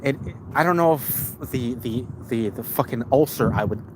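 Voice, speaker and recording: A man's voice: mid-range voice, normal speed, noisy background. Profane, rambling male live-streamer. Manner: rambling, profane, with many restarts. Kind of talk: casual rant.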